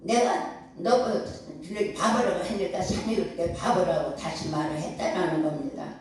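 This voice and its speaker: An older woman pastor delivers a sermon with a rising, emphatic cadence, pausing for her congregation's amens. Her voice rings through a very reverberant sanctuary. She sounds set back from the microphone. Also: on the low side, steady tone, darkish tone. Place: church sanctuary. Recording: echoey church hall, far from mic.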